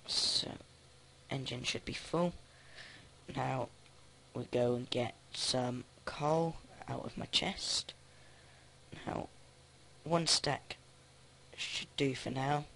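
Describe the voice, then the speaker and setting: A man casually commenting on his own gameplay, thinking aloud with many halting restarts. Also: medium pitch, steady tone, gravelly, sharp tone, a little hiss or hum. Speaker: let's play host.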